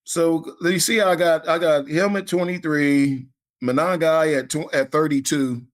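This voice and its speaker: A man's voice: a little high, fairly even intonation, a little slow. A man co-hosting a fantasy football podcast in casual, folksy chat, often repeating words as he starts a thought. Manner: laid-back, folksy, repeats himself when starting a thought. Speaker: podcast co-host.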